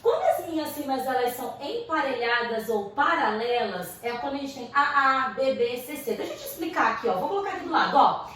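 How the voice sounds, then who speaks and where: Brazilian Portuguese accent, young woman, literature teacher, high voice, playful, slangy, echoey room, off-mic. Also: sing-song, a little fast, hardly any pauses, fairly bright tone, distant mic, a little hiss or hum. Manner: chatty, slangy, with playful asides. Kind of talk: casual video lesson.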